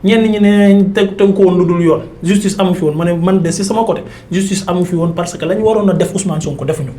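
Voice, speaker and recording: The Senegalese commentator speaks fast in a high-pitched, mellow voice with a steady tone, and the sound is reverberant. Appearing on a talk show, he argues politics emphatically and insistently in a mix of Wolof and French.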